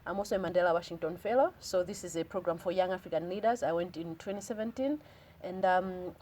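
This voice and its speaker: A Malawian woman in her thirties speaks quickly in a slightly low voice as an interview guest. She talks earnestly and reflectively and switches languages in the middle of sentences. Faint noise sits behind her. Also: darkish tone. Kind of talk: casual interview conversation.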